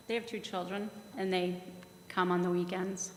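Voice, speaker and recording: Halting woman answering a planning board. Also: fairly low pitch. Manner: halting, conversational, restarts often. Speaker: applicant at a planning meeting. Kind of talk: answering questions at a public meeting. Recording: echoey hall, faint noise.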